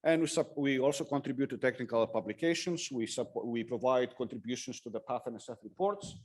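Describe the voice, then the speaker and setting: A man giving a technical lightning talk with slides, speaking haltingly with frequent hesitations and self-corrections. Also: medium pitch, darkish tone. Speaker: conference presenter.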